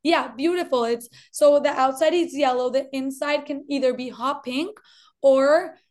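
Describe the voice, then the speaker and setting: A Colombian woman in her thirties with a slight Colombian Spanish accent appears as a dietitian guest, giving explanatory interview talk. Her voice sits high and a little mellow at a normal speed, and she's friendly, repeating points for emphasis.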